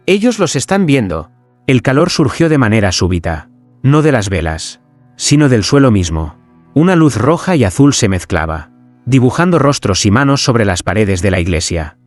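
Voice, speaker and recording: Male storyteller, dramatic and solemn, close dry read with soft music underneath. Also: on the low side, no room sound. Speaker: first-person narrator as a priest. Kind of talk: scripted horror narration.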